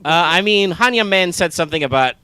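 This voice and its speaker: Co-hosting a live gaming stream, a man with a high, expressive voice talks briskly in a sharp tone. He rambles through explanations over the gameplay, leaning on "like" and "uh" and swearing casually now and then.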